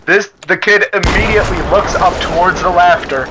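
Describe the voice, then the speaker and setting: A fairly high-voiced man reads a funny story to his friends over game chat, laughing now and then and tripping over longer words. His mic is noisy, with gunfire and mouse clicks behind him. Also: moderate pace. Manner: laughs and stumbles over words while reading. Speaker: story reader. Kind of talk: casual reading aloud to friends during a game.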